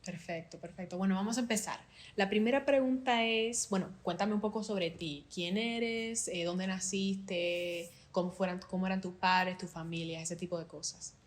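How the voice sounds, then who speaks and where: A woman's voice: medium pitch, steady tone, normal speed, few pauses. A young Cuban woman with a Cuban Spanish accent, hosting a podcast and asking questions in a friendly, conversational way. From Cuba. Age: young adult. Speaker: podcast host. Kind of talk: podcast interview.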